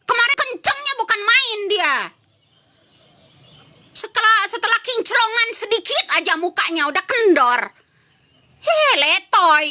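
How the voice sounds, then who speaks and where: Scolding high-voiced woman on a live stream. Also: sharp tone. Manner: scolding, repetitive, rhetorical questions. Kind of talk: angry live-stream commentary.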